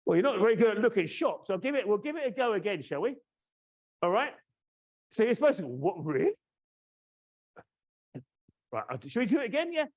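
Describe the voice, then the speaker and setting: High-pitched with big pitch swings, this man speaks briskly, pausing often, in a slightly mellow voice. He's a UK course trainer in his fifties running a casual webinar presentation over video call, chatty and teasing, frequently asking "yeah?".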